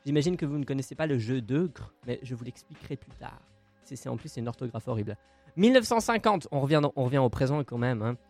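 A man's voice: medium pitch, expressive, fast talker, darkish tone, soft background music. A man co-hosting a casual podcast, presenting a segment in a playful, theatrical, jokey way.

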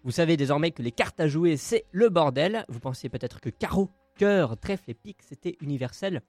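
A man's voice: fairly high pitch, animated, fairly quick, a little mellow, no echo, soft background music. A man co-hosting a casual podcast, presenting a segment in a playful, theatrical, jokey way.

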